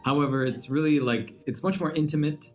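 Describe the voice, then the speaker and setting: A man's voice: fairly high pitch, a little fast, a little mellow, faint music behind. A man pianist in his thirties from Southern California, speaking in an affable way as an interview guest. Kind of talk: conversational interview.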